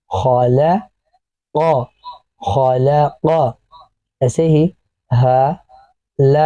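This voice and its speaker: A man with a Pakistani Urdu accent teaching Quran reading in an online class, sounding out each syllable slowly and repeating it. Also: mid-range voice, warm tone, no echo, highs cut off.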